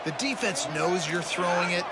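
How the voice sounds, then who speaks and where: A man's voice: high-pitched, normal speed, creaky, heavy background noise. An American man giving emphatic, punchy football analysis as a color commentator.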